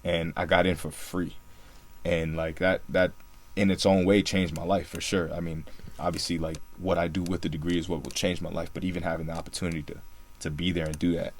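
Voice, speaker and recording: A young man from Singapore co-hosts a relaxed podcast chat, telling his story a little fast in a deep, level voice. Fillers crop up throughout.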